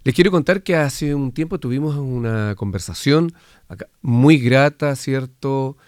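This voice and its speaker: A man's voice: medium pitch, unhurried, darkish tone, clear, resonant tone, no room sound, clean studio sound. A man hosting a weekly radio interview, friendly and conversational as he asks his guest questions. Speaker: radio host.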